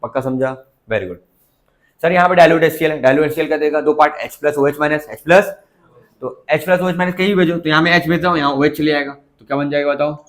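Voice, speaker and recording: A man's voice: a little high, fairly even intonation, brisk, a bit bright. A man teaching a chemistry lesson, constantly checking whether his students understood. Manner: coaxing, keeps asking students if they understood. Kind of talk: classroom lecture.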